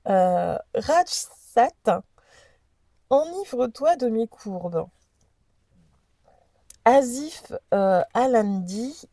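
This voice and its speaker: A woman's voice: fairly high pitch, dark tone, no room sound. A woman host presenting an oracle deck in a casual chat, reading the card messages aloud and hesitating over unfamiliar names.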